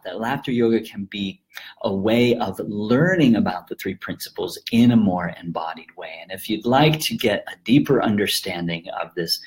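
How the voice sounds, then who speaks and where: A man talks a home audience through laughter yoga, calm and explanatory in tone. He breaks into easy laughter again and again between his points. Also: on the low side. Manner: gentle, often breaks into laughter. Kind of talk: calm explanatory teaching to camera.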